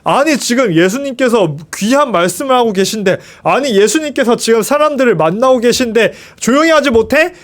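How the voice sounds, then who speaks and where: A man's voice: extremely high pitch, animated, a little fast, few pauses. A man doing an irritated scolding crowd. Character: scolding crowd of impatient townspeople.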